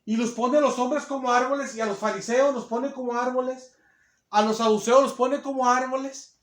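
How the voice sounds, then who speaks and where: A man's voice: very high-pitched, fairly even intonation, moderate pace. A man preaching a sermon, emphatic and given to restarts, recorded in a church hall. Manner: emphatic, acts out quotes, many restarts. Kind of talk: sermon Bible teaching. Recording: roomy echo.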